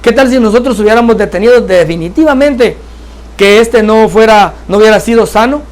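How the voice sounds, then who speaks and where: A man teaching a Bible lesson, earnest and halting, often checking in with his listeners. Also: high voice. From Guatemala. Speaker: church trainer.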